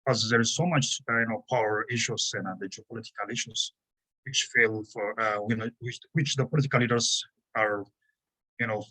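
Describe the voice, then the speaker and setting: A man from Ethiopia, giving an academic conference presentation in a halting way, often pausing on "you know" and restarting his phrases. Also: on the low side, fairly even intonation, sharp tone, poor audio. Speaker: conference panelist.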